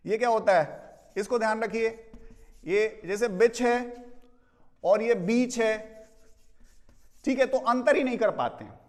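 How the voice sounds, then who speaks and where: A man's voice: extremely high pitch, big-room sound. A man with an Indian accent, teaching an English pronunciation lesson and checking in often with his students. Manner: explains with repeated "theek hai" check-ins, mixing Hindi and English.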